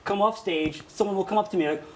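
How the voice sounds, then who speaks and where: A man's voice: high voice, fast, poor audio. A man talking casually as a comedian guest on a studio talk show, chatty with lots of fillers. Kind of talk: casual chat.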